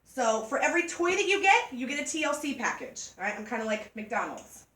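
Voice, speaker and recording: Bright, chatty Midwestern woman pitching products. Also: brisk. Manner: chatty, joking, animated storytelling. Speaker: party product consultant. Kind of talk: sales demonstration to a group. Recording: echoey room from far off.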